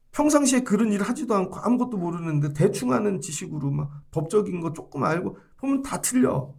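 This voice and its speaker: A high-voiced man with a gravelly edge preaches an early-morning sermon. He talks fast and plainly, moving from hushed asides to loud stressed phrases, and now and then slips into the voices of the figures he quotes. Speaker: pastor. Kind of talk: dawn service sermon. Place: church sanctuary.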